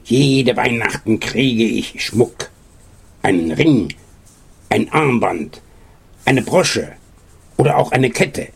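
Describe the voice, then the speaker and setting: A man voicing a greedy magpie in a read-aloud animal story, croaking in a husky voice. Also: medium pitch, animated, slow pace, long pauses, exaggerated voice. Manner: greedy, listing.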